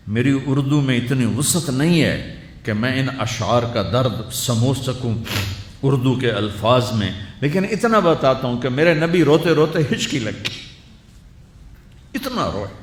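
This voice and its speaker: Tearful, impassioned man preaching in an echoey room. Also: medium pitch. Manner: impassioned, rhetorical, speaks in a father's voice. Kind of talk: emotional sermon. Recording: echoey room, faint ambient noise.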